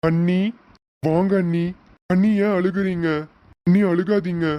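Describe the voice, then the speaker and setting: A man's voice: high voice, little pitch movement, unhurried, lo-fi sound, pitched above the performer's own voice. A man playing an injured young husband in a homemade serial, speaking emotionally and repeating names. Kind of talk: hobby serial acting.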